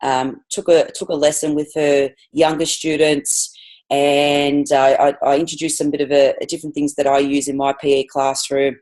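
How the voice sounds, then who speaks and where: An Australian physical education teacher guests on a casual podcast interview, chatting enthusiastically and rambling with lots of restarts. Her low voice is a little mellow, with little pitch movement and a moderate pace.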